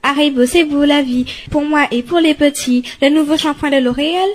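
A wife hooked on advertising who can't stop pitching products, played by a woman in an amateur radio skit. She talks in a high voice with pushy, gushing enthusiasm. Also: fairly even intonation, moderate pace, natural voice. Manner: pushy, gushing sales talk. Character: ad-obsessed chatty immigrant wife.

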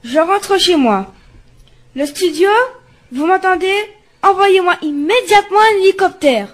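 A curious field reporter in the icy cold, acted by a woman in an amateur radio skit. She asks one question after another in a high voice and complains dramatically about the cold. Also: unhurried. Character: frozen roving woman reporter.

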